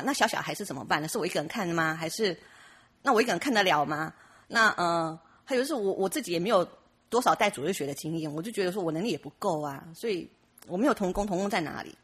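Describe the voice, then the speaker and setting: A woman tells her church testimony in a chatty, rambling way, often restarting and laughing. She talks quickly, and her voice is husky. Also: medium pitch, fairly bright tone. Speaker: church member giving a testimony. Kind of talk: personal testimony.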